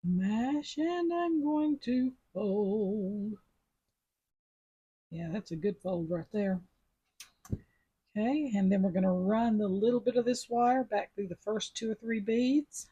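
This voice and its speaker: Husky-voiced woman teaching beadwork. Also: medium pitch, unhurried, warm tone, highs cut off. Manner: chatty, step-by-step instructions. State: sucking a mint after coughing. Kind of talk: casual craft tutorial.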